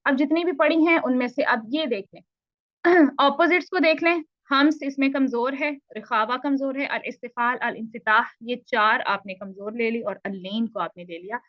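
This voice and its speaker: A woman's voice: a little high, moderate pace, no echo, lo-fi sound. A woman teaching Tajweed in an online lesson, patiently repeating points and asking checking questions.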